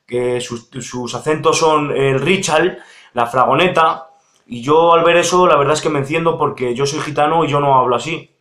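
A man's voice: on the high side, moderate pace, a bit bright. A man, earnestly voicing a complaint in a casual video. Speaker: youtuber in the reacted video. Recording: echoey room.

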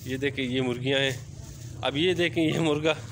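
A man's voice: medium pitch, steady tone, brisk. A man gives a casual, chatty walk-through of his rooftop yard, often repeating filler phrases. He films on a handheld phone camera outdoors. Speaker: poultry vlogger. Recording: outdoor ambient noise.

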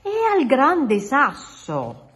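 A woman reading a picture book aloud to children in an expressive storytelling manner. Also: high-pitched, very slow, husky. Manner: animated, expressive.

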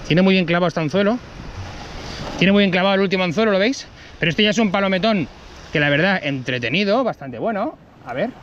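A man's voice: a little high, lo-fi sound, slight background noise. Upbeat man at a sea cove. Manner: enthusiastic, addresses viewers directly. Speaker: fishing guide. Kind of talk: fishing vlog talk to camera. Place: outdoors at a seaside cove.

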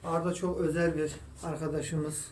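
A man's voice: a little high, flat delivery, normal speed, a little mellow. A man walking viewers through a guitar repair in a casual tutorial while he works, often addressing them as friends. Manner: explains while working, keeps calling viewers "friends". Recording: echoey room, distant mic, noisy.

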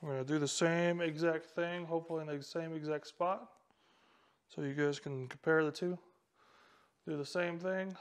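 Man, thirties, casual tutorial, smooth resonant tone, slightly high voice, lapel mic, small room. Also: fairly even intonation, normal speed. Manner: casual, talks straight to camera while handling rods. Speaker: fishing channel host. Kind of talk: instructional explainer. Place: small indoor room with a whiteboard and a tackle wall.

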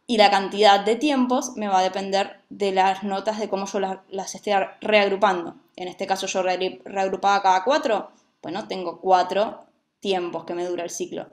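A woman's voice: medium pitch, steady tone, moderate pace. A woman teaching a music lesson, who explains patiently and often checks that her students follow.

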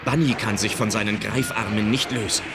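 Taking the role of the dramatic male storyteller in a magical-girl adventure, a man narrates a children's radio play over loud music. His voice is on the low side, steady and brisk, close to how he normally speaks.

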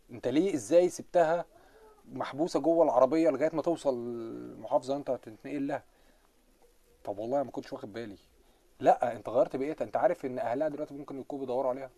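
A man's voice: mid-range voice, racing, long pauses, dry recording. A man with an Egyptian Arabic accent, hosting a casual live stream, reading out comments and joking with his viewers with lots of laughter. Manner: joking, animated, laughs often.

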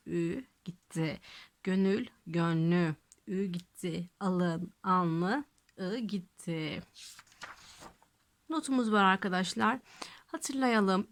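A woman teacher giving a grammar lesson, who asks her own questions and answers them, and slows down on the examples. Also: mid-range voice.

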